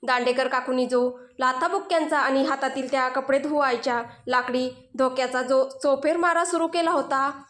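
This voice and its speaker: A woman narrating a comic story in an expressive storytelling manner. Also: high-pitched, moderate pace. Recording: roomy echo.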